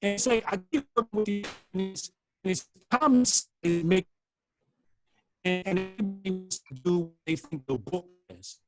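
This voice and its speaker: A man's voice: high-pitched, normal speed, music in the background. A man telling a story in a casual, profane and emphatic way, his voice coming through a garbled, freezing video-call connection. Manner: profane, emphatic, quotes himself in dialogue. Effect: choppy, garbled audio from a freezing video call. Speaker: podcast guest.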